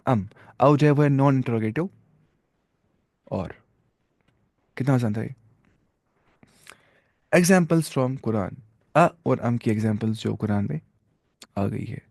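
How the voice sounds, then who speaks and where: A man explains Arabic grammar rules, slipping English terms into his talk and reading Arabic examples slowly. His voice is warm and mellow, with conversational fillers. The sound is dry and close, with no room around it. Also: medium pitch, creaky, no echo. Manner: conversational, with fillers and self-corrections. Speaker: Arabic teacher.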